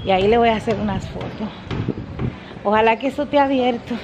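A woman's voice: on the high side, brisk, muffled recording, background noise. A woman vlogger chatting casually to her viewers from inside a car, laughing often, recorded on a phone. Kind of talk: casual chat to camera. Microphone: phone camera.

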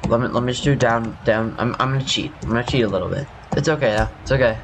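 Young guy, scratchy just-woke-up voice, mid pitch, rambling gameplay commentary, faint background hiss. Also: fast. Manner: rambling, self-correcting, apologetic. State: scratchy morning voice. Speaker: gaming youtuber.

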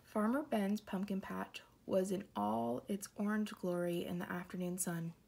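A woman narrating a children's picture book aloud in a steady storytelling manner. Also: mid-range voice, a little slow, vocal fry, husky.

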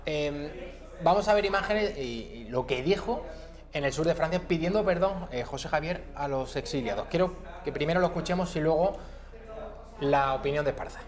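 A man's voice: on the high side, animated, moderate pace. A young adult man hosting a discussion in a TV news studio, steering it with questions and an ironic edge, recorded on a lapel mic. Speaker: TV presenter.

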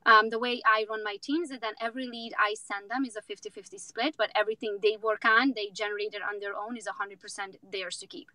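A woman's voice: medium pitch, fairly even intonation, a little fast, few pauses, pushed and bright, dry recording, rough recording. A woman from Romania, a real estate agent in her thirties, talking outspokenly and with jokes as a guest in a casual interview. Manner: outspoken, confident, joking.

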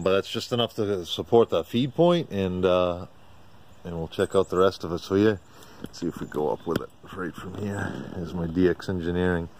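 Filmed outdoors in a residential driveway by an off-screen operator using a handheld camera or phone, this unscripted walkaround video features a ham radio hobbyist narrating his own footage. He talks in a low, darkish voice, halting and plain-spoken in a colloquial way, while birds sing amid the outdoor ambient noise.

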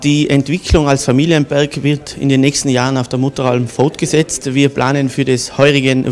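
A man's voice: mid-range voice, a little mellow. A middle-aged man, a managing director giving a formal, composed interview at an indoor event into a handheld mic.

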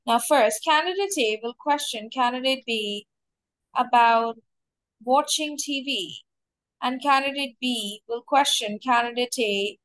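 A woman with a high voice runs a mock speaking test, putting each question clearly and at an even pace. The sound is dry and close, with no room around her. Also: no room sound. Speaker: English test coach.

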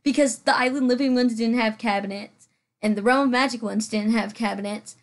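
A woman with a slightly high voice talks through her build in a loose, rambling voice-over. She is chatty and self-deprecating and full of fillers. She sounds a little out of breath and sits a bit back from her microphone at home. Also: a little fast. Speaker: Sims building channel host. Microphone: farther from the mic than usual.

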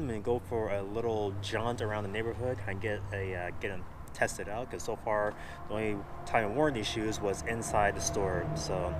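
A man's voice: lowish voice, noisy background. A man in his thirties talking casually to a camera held at arm's length in an outdoor backyard, reviewing running gear. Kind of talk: casual vlog chat. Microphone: action camera at arm's length.

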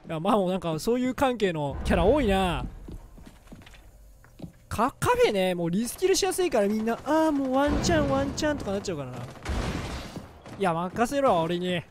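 Brief: male gameplay commentator, playful and jokey, lively swooping delivery, sudden yelps in tense moments. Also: high-pitched, moderate pace, long pauses, background noise. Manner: excitable, jokey, bursts into loud yelps during fights. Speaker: gaming commentator. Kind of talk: let's-play game commentary.

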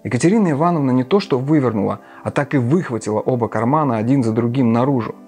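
Male audiobook narrator, mid-pitched, measured expressive reading over faint music. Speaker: audiobook reader.

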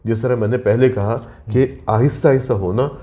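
A man's voice: mid-range voice, fairly quick, warm tone. A man, a doctor, patiently explaining health matters on a talk show. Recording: dull lo-fi sound.

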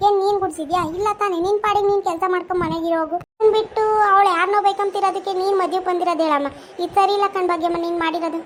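A woman's voice: extremely high pitch, fairly even intonation, racing, few pauses, a little hiss or hum. A performer voicing a blunt old village grandmother who scolds two quarrelling women in a cartoon. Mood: reproachful. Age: older. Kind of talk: cartoon voice acting.

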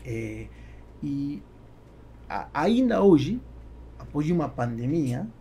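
In a small podcast studio lined with foam, a middle-aged business executive speaks into a close boom-arm mic, answering questions in Spanish-accented Portuguese, his native tongue being Spanish, and often groping for words. His slightly high voice is warm and slow with big pitch swings, and there's a little hiss or hum.

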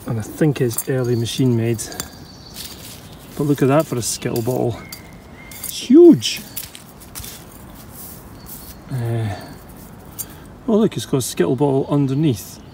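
A Scottish bottle digger and vlogger talks casually to camera while digging for old bottles at an outdoor site, chatty, enthusiastic, and thinking aloud. His medium-pitched, warm voice has vocal fry at normal speed; he's out of breath at times, with a little hiss or hum.

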